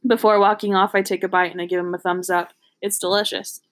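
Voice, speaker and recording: A woman's voice: medium pitch, little pitch movement, fast talker, a bit bright. A woman reading a novel aloud in an amateur, casual way, giggly and breaking off to joke and comment. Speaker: podcast host reading a book aloud.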